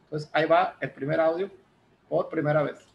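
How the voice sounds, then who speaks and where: A male teacher with a gravelly, fairly high voice explains the exercise patiently. He often repeats himself and adds quick tag questions. The recording is dull and lo-fi. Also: fairly even intonation, slight background noise. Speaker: English teacher.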